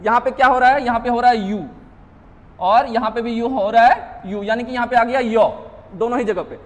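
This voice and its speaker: A man's voice: very high-pitched, a little fast, big-room sound. A man teaching an exam-prep grammar lesson, explaining step by step by asking rhetorical questions and answering them himself, with frequent checks that students are following. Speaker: English grammar teacher at a coaching class.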